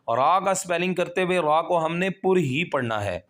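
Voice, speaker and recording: A man teaching Quran recitation, spelling words out slowly syllable by syllable and then explaining the rules briskly. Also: fairly high pitch, animated, fairly bright tone. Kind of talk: slow spelled-out tajweed drill with quick explanations.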